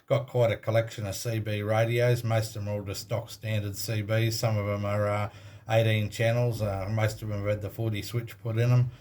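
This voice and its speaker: This amateur radio operator is an Australian man with a fairly low, darkish voice and a flat, fairly quick delivery. He makes contact with another station in a casual, matter-of-fact exchange using call signs.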